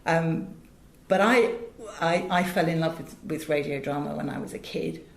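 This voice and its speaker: A middle-aged Englishwoman, a voice director and radio producer, appears as an interview guest, chatty and articulate, digressing as she tells stories. Her voice is deep and gravelly at a normal speed. The conversational recording sounds echoey and roomy.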